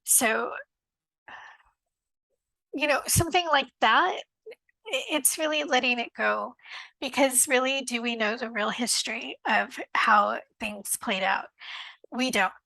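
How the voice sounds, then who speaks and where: Slow, gravelly tarot-reading woman. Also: on the high side, pushed and bright, no room sound, rough recording. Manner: slow and searching, many ums and restarts. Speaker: tarot reader. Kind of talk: casual spiritual card reading.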